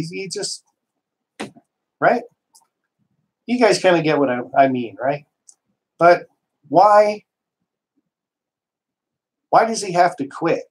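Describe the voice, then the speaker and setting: Man, live-stream host, worked up, emphatic, rambling, slightly high voice. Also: husky, poor audio. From Canada. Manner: frequent mild swearing. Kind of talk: casual live-stream talk.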